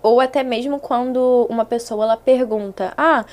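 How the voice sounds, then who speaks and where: Speaking at normal speed in a voice on the high side, this young woman is a podcast guest in a casual chat. She's animated as she tells her stories, performing the voices of the people she quotes.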